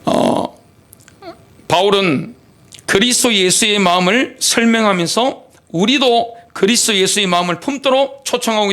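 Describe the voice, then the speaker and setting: A man's voice: high voice, pushed and bright. A middle-aged man, a pastor, preaching a sermon animatedly with many rhetorical questions. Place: church sanctuary.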